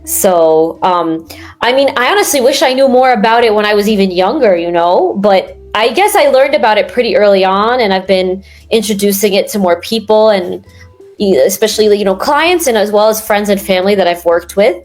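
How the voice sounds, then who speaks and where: A woman's voice: mid-range voice, lively intonation, brisk, soft background music. Chatty young woman from New York. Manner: rambling, many fillers and restarts. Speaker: guest. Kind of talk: casual interview chat.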